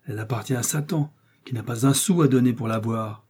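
A man's voice: mid-range voice, brisk, a little mellow, breathy edge, lightly acted. A man voicing a sinister, mocking man in a red coat, speaking with cold scorn in an audiobook reading. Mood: scornful.

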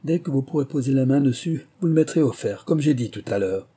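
A man's voice: medium pitch, animated, brisk, warm tone, slightly rough, pitched above the performer's own voice. A man voicing a commanding, pompous plantation manager, as in an audiobook.

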